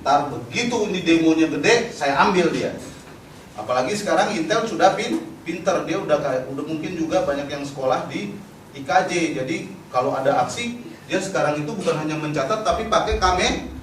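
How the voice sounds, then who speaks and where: Brief: a man teaching lawyers a class, slightly high voice, blunt and animated, caught far off in an echoey room with faint ambience. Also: fairly quick, a little hiss or hum. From Indonesia. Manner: blunt, animated storytelling, acts out police and activists. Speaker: human rights lawyer lecturing. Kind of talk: lecture to a training course. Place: training venue hall, in front of a class.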